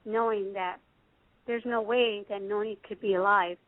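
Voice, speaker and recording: A woman speaking as a radio guest, earnest and halting, with frequent fillers. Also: medium pitch, fairly even intonation, dry recording. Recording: dry, tinny phone-like line.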